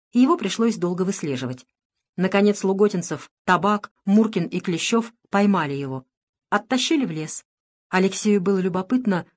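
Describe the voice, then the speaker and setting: A woman's voice: medium pitch, darkish tone. Woman narrating an audiobook. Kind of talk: scripted narration.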